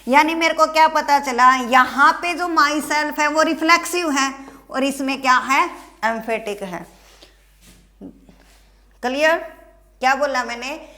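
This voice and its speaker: A woman's voice: high voice, a little slow, long pauses, sharp tone. A woman with a Haryana Indian accent teaching an English grammar lesson, asking the students questions and answering them herself.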